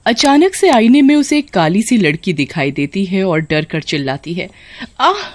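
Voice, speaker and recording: A woman narrating a children's story in a clear, even storytelling voice. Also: medium pitch, normal speed, no echo.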